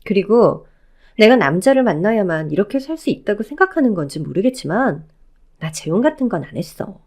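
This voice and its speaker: A cold, scornful divorced woman, voiced by a woman in an audio drama. She cuts her ex-husband down in clipped, cutting lines, her pitch swinging widely. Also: big pitch swings, fairly quick, a little mellow. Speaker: flight attendant.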